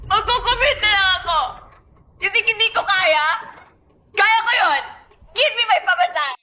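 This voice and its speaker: Woman playing spoiled brat, very high, whiny, dramatic, faint noise. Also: moderate pace, pushed and bright. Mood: tantrum. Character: spoiled bratty young woman throwing a tantrum.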